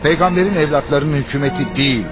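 An actor playing an indignant loyal believer in a historical drama, challenging others in an accusing, emphatic manner. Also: male voice, on the high side, quick pace, music in the background, lightly acted. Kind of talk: dubbed historical drama acting.

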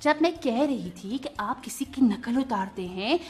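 A woman's voice: a little high, animated, unhurried, faint music behind. A woman hosting a children's show, chatting to the kids and a puppet companion. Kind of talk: talking to children.

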